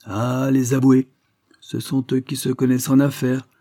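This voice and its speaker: A man's voice: mid-range voice, animated, moderate pace, mellow, husky, pitched above the performer's own voice. A man reading aloud, voicing a blunt, blustering aging judge in a storybook. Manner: blunt, exclaiming.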